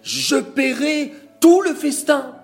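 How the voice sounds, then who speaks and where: A man's voice: expressive, unhurried, faint music behind. A man voicing a humiliated guest who begs to stay in a trembling voice. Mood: pleading. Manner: pleading, trembling low voice. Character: humiliated adult man, pleading then vengeful.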